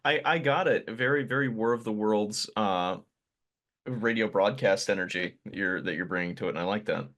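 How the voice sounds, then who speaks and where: A man's voice: fairly low pitch, moderate pace, a bit bright. A man hosting a podcast, chatting casually and rambling a little, with self-deprecating asides. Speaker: podcast host. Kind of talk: casual conversational interview.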